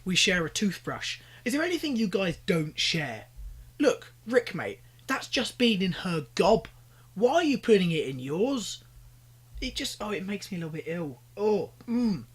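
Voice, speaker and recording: A man's voice: high voice, sing-song, unhurried, breathy edge. A young British man giving exasperated, ranting reaction commentary, pleading with the people on screen. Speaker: commentary YouTuber.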